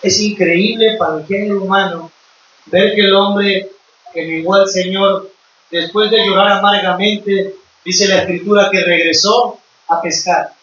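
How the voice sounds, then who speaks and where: A man's voice: sits high, steady tone, unhurried, fairly bright tone, a little hiss or hum. A man preaching a sermon to his congregation, retelling scripture with emphasis and calling out to the brethren. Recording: echoey hall, distant dull mic.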